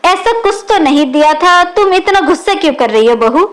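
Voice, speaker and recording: A woman's voice: extremely high pitch, lively intonation, moderate pace. A woman reading the lines of a wise, loving older mother who is firm with her daughter, in a storybook reading.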